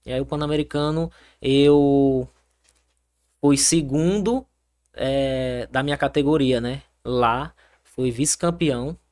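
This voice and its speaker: Young Brazilian soldier guest, lively storyteller who restarts often. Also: male voice, medium pitch, takes it slowly. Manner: animated storytelling, many fillers and restarts. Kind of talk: casual interview.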